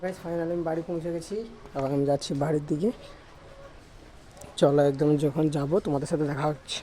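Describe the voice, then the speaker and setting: Fast-talking man vlogging over loud traffic. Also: fairly high pitch, fairly even intonation. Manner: chatty, rapid, repeats sign-offs. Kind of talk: casual daily vlog addressing viewers. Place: outdoors, at a fair and by a road. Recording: loud traffic and outdoor noise.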